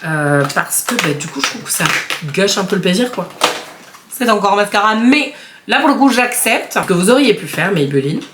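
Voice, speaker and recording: A woman beauty vlogger chatting casually while she unboxes products, frank and expressive and speaking straight to her viewers. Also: medium pitch, normal speed. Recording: echoey home room, faint background noise.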